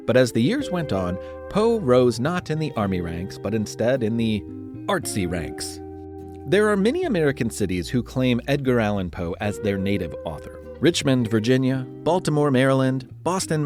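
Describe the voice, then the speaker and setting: A podcast host with a medium-pitched voice narrates scripted history, telling the story in a playful, conversational way with dramatic emphasis.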